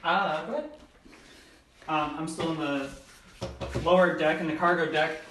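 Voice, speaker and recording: Man, tabletop player, relaxed, far from mic, echoey, noisy. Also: a little high, normal speed. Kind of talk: casual tabletop play.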